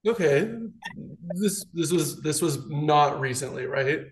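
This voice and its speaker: A man's voice: fairly high pitch, slow, a little hiss or hum. A man as a podcast guest in casual chat, teasing and laughing often, with lots of "like.".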